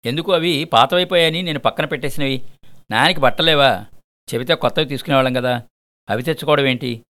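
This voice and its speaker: A man voicing an adult son who asks loud, irritated questions. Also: mid-range voice, expressive, normal speed, vocal fry, dry recording. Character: grown son, upset and bewildered.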